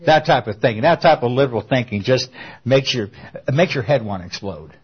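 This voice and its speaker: An older man preaching a sermon as pastor, emphatic and storytelling, with animated asides. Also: medium pitch, a little fast, husky, highs cut off.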